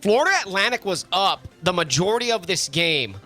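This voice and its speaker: A man hosting a sports radio talk show, upbeat and quick as he steers the segments from a studio microphone. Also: high voice, animated, bright, forceful tone, faint music behind. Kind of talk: casual sports radio chat.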